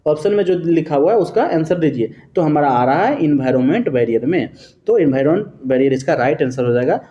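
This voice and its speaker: A man teaching exam-prep material, explaining each answer choice patiently and tossing rhetorical questions at his students. His voice sits slightly high but sounds dark and mellow. The room around him is echoey. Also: animated, fairly quick, muffled recording. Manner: corrects himself mid-sentence; addresses students fondly as "babu".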